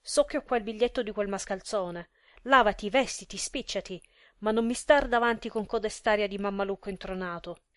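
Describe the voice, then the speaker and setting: A woman reading aloud voices a furious, indignant wife who talks in a shrill, urgent, bossy way. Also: normal speed, no echo, studio quality, lightly acted. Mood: scolding.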